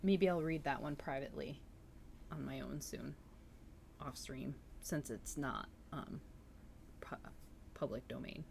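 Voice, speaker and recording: Her rumbling low, gravelly, darkish voice comes a little slowly, with long pauses. She's the chatty, enthusiastic host of a book-reading livestream who reacts to chat comments as she goes, and some background noise can be heard.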